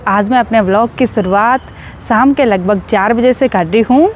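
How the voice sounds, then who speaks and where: A woman in her thirties narrates a casual vlog, chatty and cheerful and laughing a lot as she drives and walks around a house. Her voice is slightly high and moderately paced, with a bit of hiss or hum on the recording.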